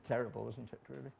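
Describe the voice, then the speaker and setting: A man's voice: mid-range voice, creaky, a little mellow. A man playing a boozy, jolly old Santa Claus on a studio chat show, rambling and making self-mocking jokes.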